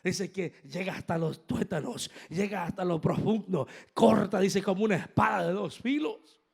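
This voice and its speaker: A man preaching a sermon as an apostle. He swings between soft asides and loud, emphatic passages and speaks directly to the congregation, asking them to repeat after him. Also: high-pitched, moderate pace, vocal fry, slightly rough.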